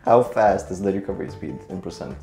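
A man in his twenties reads out quiz questions in a casual hosting style. His medium-pitched voice moves around a lot, echoing in a bathroom over clearly audible music. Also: animated, quick pace. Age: 20s. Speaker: quiz host reading questions. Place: small bathroom, seated in a chair. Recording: echoey bathroom, music behind.

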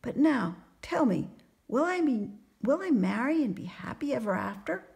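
An eager young carpenter in a storybook, exclaiming with hope, as a woman reads him aloud. His voice sits high and bursts out loud, swinging widely in pitch. A gravelly edge runs under it. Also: normal speed, full character voice. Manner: excited, exclaiming.

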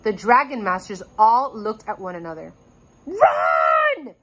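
A woman's voice: mid-range voice, expressive, normal speed, a bit bright, rough recording. A woman teacher reading a chapter book aloud to children, addressing them directly and expressively. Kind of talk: storybook read-aloud.

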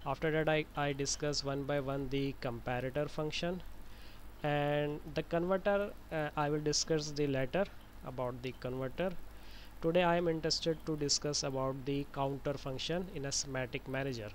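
A man presenting an informal software tutorial, explaining step by step in a hesitant, repetitive way. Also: fairly high pitch, steady tone, moderate pace, a little hiss or hum.

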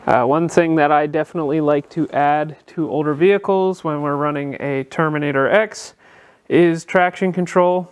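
Man giving a relaxed garage walkthrough. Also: fairly high pitch, moderate pace, clear, resonant tone. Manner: relaxed, explanatory, with frequent "uh" fillers. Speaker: car builder and channel host. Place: indoor auto workshop.

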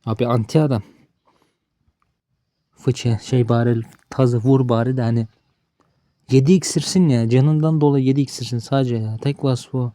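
A man's voice: medium pitch, steady tone, moderate pace, pauses often, warm tone, dry recording. A man giving casual gameplay commentary, frustrated and talking to himself, cursing the game. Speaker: gaming streamer.

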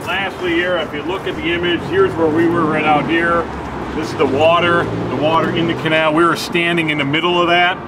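A man's voice: on the high side, steady tone, a little fast. A man giving a walking tour on a city street, pointing out buildings and explaining their history. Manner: informative, pointing things out. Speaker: tour guide. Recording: loud traffic noise outdoors.

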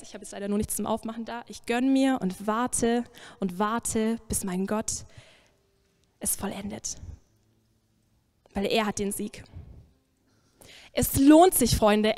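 Emphatic woman preaching a sermon. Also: on the high side. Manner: emphatic, swinging between loud and soft.

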